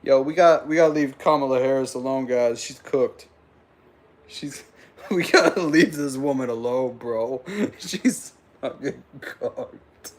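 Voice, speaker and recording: A man's voice: medium pitch, unhurried. A man hosting a political reaction livestream, talking sarcastically, laughing often and swearing freely. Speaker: livestream host.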